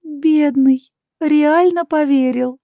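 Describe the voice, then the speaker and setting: A woman's voice: sits high, sing-song, a little slow, warm tone, no room sound, studio quality, voice pushed up. A woman voicing a mocking, playful female spirit that lives inside the heroine. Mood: gloating. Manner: sneering, playful.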